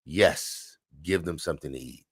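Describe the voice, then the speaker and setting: A man hosting a casual livestream, chatting and answering viewers' dog training questions, relaxed and repeating his points. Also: a bass voice, moderate pace, slightly rough, no echo, clean studio sound.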